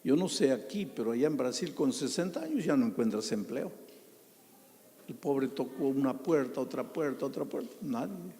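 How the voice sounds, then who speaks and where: A man's voice: mid-range voice, lively intonation, warm tone. Emphatic male pastor preaching in a church. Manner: emphatic storytelling with dramatic pauses. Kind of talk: sermon. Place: large church. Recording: long church reverb.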